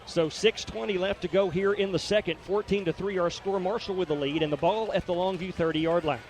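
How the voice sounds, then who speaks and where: Folksy high-voiced football color man. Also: brisk. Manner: folksy, analytical, partisan. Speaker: color commentator. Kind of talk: radio football color commentary.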